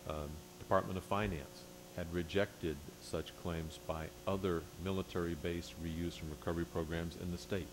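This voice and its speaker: A man giving a formal explanatory report to a board, phrasing things carefully and haltingly. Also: low voice, fairly even intonation. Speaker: agency official reporting to a board. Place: public board meeting room. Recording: noisy meeting room with hum.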